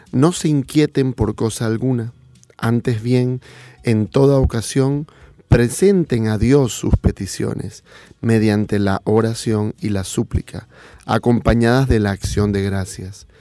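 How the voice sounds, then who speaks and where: Slow, soft-spoken male host with a mellow, low voice, dry sound. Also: no echo. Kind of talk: calm talk with a Bible reading.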